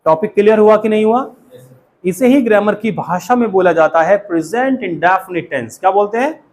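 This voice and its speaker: A man's voice: high-pitched, a little fast, darkish tone. A man with an Indian accent teaching a spoken English class, often quizzing the students and having them repeat after him. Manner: asks the class questions and has them repeat.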